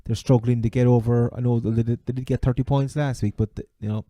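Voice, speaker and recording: A man's voice: mid-range voice, fairly even intonation, fast, mellow, no echo. A man with an Irish accent from Cork, co-hosting a casual chat about sport. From Ireland. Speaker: sports podcast co-host.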